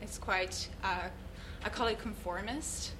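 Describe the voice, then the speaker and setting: A yoga teacher from Switzerland, a guest on an interview show, earnestly reflects on her life, sometimes searching for words. Her medium-pitched voice is measured, and the audio is poor with slight background noise.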